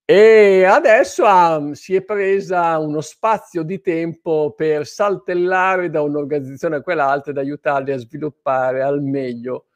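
A man with a fairly high voice hosts an informal live interview online. He is chatty and playful with his guest. The sound is very dry, with no room echo. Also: fairly even intonation, unhurried, hardly any pauses. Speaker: host of an online interview show.

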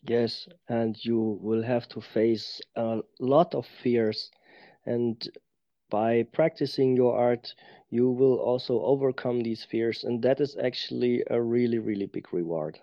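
A man who is not a native English speaker, talking reflectively as an interview guest in careful, halting English, searching for words. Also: medium pitch, steady tone. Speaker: interview guest, professional dancer. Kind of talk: reflective conversation. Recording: dull lo-fi sound.

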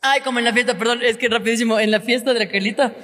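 A woman's voice: fairly high pitch, steady tone, racing, a bit bright, long reverb tail. An Ecuadorian woman co-hosting a podcast in casual, teasing chat, laughing often. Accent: Ecuadorian Spanish. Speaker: podcast co-host.

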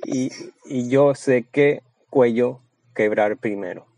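Blunt, crude man with a dark voice. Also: medium pitch, takes it slowly, no room sound, poor audio. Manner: blunt, crude and boastful, with many restarts. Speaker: seminar speaker. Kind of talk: Spanish voice-over of a seminar talk.

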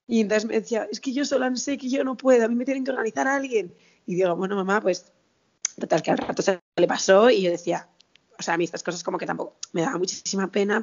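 A woman's voice: mid-range voice, creaky, darkish tone, muffled recording. A woman in her thirties from Spain, telling a story as an interview guest in a chatty way, with many restarts and quoted dialogue. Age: 30s. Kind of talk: casual interview chat.

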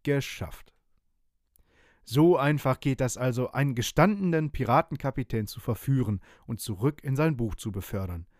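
A man telling a bedtime story in a playful, cozy way, his voice moving lively up and down. He sits close to the mic in a dry space with no room echo. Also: mid-range voice, normal speed.

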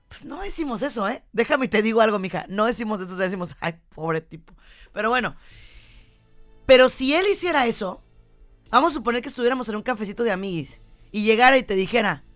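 A woman with a Mexican Spanish accent co-hosting a talk show, chatting casually and acting out quoted lines with animation. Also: medium pitch. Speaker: radio show host.

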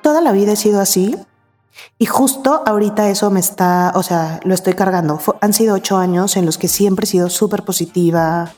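A woman in her thirties talks as an interview guest, candid and emotional. She sounds worn out and often repeats words for emphasis. Soft music sits faintly beneath her voice. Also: mid-range voice, fairly quick. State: weary. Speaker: guest, mother of two.

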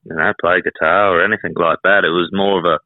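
Over a dry, muffled phone-like line, a young man speaks in a deep voice with a rural Queensland accent. He chats casually and plainly, like an interview guest telling his own story. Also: steady tone, fast talker, no echo. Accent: rural Queensland Australian. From Queensland, Australia. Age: 20s. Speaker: country singer and rodeo cowboy, interview guest.

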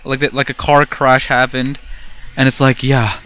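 A man's voice: medium pitch, completely flat delivery, moderate pace, bright, forceful tone, clean tone. A teenage man telling a story in casual podcast chat, crude and laughing often. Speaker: podcast co-host.

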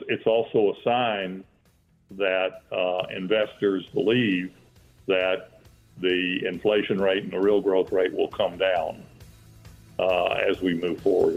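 A man with a low voice and flat intonation speaks as an economics expert in an interview. He is measured and halting, often repeating words, on a slightly muffled recording. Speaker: economist guest.

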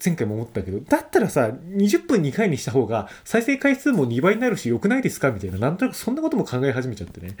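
A man's voice: a little high, huge pitch swings, quick pace, hardly any pauses, darkish tone, husky. A man hosting his own radio-style podcast alone, chatting in a rambling, self-deprecating way with somewhat slurred articulation. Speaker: podcast host. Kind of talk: casual solo radio-style podcast talk.

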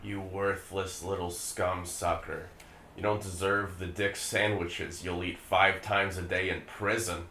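A man's voice: medium pitch, animated, unhurried, roomy sound, a little hiss or hum. A man reading a desperate, bitter middle-aged father in a comedy script reading, shifting from pleading to cruel abuse. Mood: raging. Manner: pleading, then turns cruel and shouting. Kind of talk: comedy script table read.

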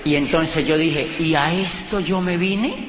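A man's voice: measured pace, highs cut off. Colombian man, middle-aged, storytelling lecture, long hall reverb, faint background noise. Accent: Colombian Spanish. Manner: animated anecdotes, acts out dialogue with lively pitch jumps. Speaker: speaker giving a talk.

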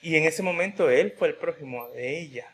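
A man's voice: a little high, a little fast, a bit bright, slight background noise. A man preaching a sermon in a conversational way, telling a personal story and often adding a questioning tag.

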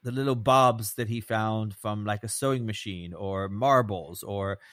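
An American man hosting a conversational podcast, speaking haltingly and circling his points with frequent little tag words. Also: lowish voice, a bit bright, no room sound, clean studio sound. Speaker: host, rabbi.

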